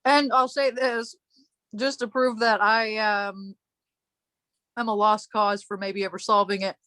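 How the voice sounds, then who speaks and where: A woman's voice: mid-range voice, level tone, unhurried, a bit bright, no echo. A woman hosting a casual chat, telling a long story in a rambling way, breaking off and laughing often. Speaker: podcast host.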